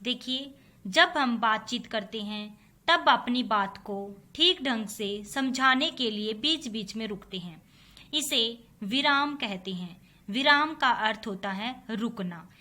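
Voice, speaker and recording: Slow, bright-voiced woman teaching children. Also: on the high side, animated. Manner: slow, patient explaining to children, repeating examples. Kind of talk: recorded online class lesson.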